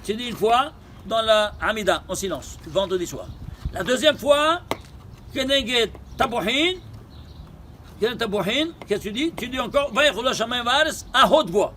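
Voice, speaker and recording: A man teaching a Torah lesson with gematria, animated and questioning, repeating phrases. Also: high voice, normal speed, a little hiss or hum. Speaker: rabbi teaching Kabbalah.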